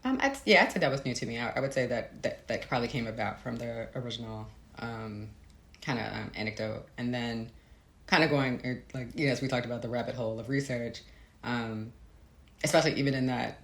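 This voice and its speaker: Her voice rumbles low with vocal fry, echoing in a reverberant space, as this woman author gives reflective, conversational interview answers. She comes across as thoughtful and hesitant and laughs lightly often.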